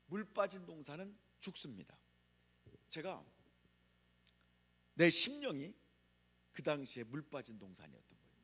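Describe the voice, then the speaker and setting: A man's voice: high-pitched, fairly bright tone, slightly rough. A male pastor from preaching a revival sermon, calling on the congregation to repeat after him and answer back. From Chungcheong, Korea.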